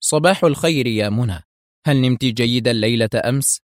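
A man's voice: medium pitch, a little fast, no room sound, lightly acted. A composed secret agent, level and assured, giving short instructions, as a male narrator plays him. The voice sits close to the mic, dry and plain. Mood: calm. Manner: calm then urgent commands. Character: cool-headed male intelligence officer, commanding in danger.

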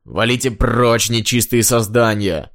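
A man voicing a pompous, grumpy male minstrel who declaims slowly in an old-fashioned way. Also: medium pitch, fairly bright tone, no room sound, clean studio sound. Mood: pompous indignant. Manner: slow, declaiming, theatrical.

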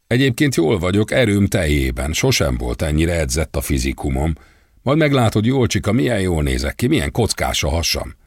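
A man's voice: sits low, slightly rough, no room sound, clean studio sound, exaggerated voice. A man doing a breezy, boastful jailed man. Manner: breezy, self-satisfied.

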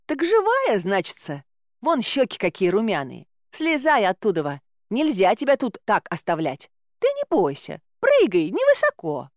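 A woman voicing a plump, bossy woman caretaker who scolds in a high, lively, folksy way. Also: normal speed, no echo, studio quality.

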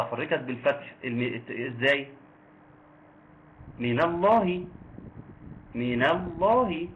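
A man with an Egyptian accent teaching Quran recitation, quizzing listeners and slowly chanting verses. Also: medium pitch. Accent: Egyptian Arabic. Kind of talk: online tajweed lesson. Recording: tinny phone-like line with faint noise.

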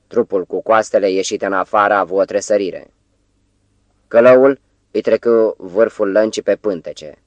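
A man reading a novel aloud as an audiobook narrator, in a measured, even-paced way. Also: lowish voice, no echo, dull audio. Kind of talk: scripted literary narration.

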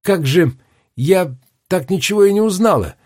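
Man doing a young girl, voice raised in pitch, stubborn, sharp exclamations, storybook heroine. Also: animated, normal speed. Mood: bewildered. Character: stubborn, quick-tempered young girl in peril.

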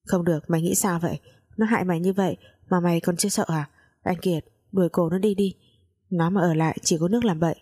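A woman's voice: fairly low pitch, fairly even intonation, quick pace, mellow, slightly rough. A woman voicing a harsh, scornful woman of the house who scolds in a spoken story. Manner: scolding, hissing.

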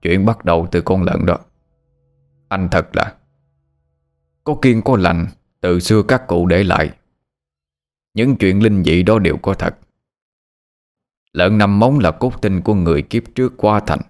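A man voicing a solemn male spiritual master who explains matters gravely, in a spoken horror story. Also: low voice, unhurried, pauses often, darkish tone. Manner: solemn, instructive.

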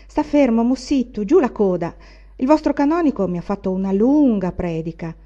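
A woman's voice: fairly high pitch, expressive, moderate pace, mellow, highs cut off, pitched above the performer's own voice, natural voice. Woman reading as a fiery young student. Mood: teasing. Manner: impassioned, brooding. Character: restless young male student, quick to anger.

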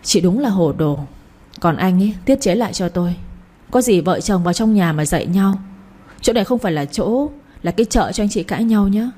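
A strict, commanding older mother-in-law, read by a woman narrator in a spoken storybook. She speaks quickly and firmly, in a mellow, slightly husky tone. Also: medium pitch, expressive, lightly acted. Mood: stern. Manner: firm, commanding.

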